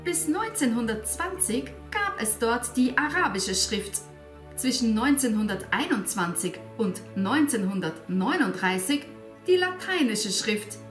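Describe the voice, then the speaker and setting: A woman hosting an educational video, explaining with a playful, expressive manner and asking viewers rhetorical questions. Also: fairly high pitch, unhurried. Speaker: language teacher and video host. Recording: echoey room, faint music behind.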